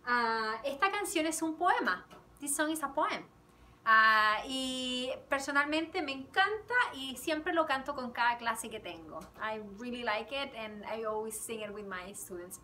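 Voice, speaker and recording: Teacher lady, bright high voice, slow and gentle, sounds a little far from the mic in a classroom. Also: lively intonation, a little hiss or hum. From Chile. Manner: switches between Spanish and English, sings with ukulele. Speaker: kindergarten teacher. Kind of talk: bilingual song lesson. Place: classroom indoors. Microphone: camera a few feet away.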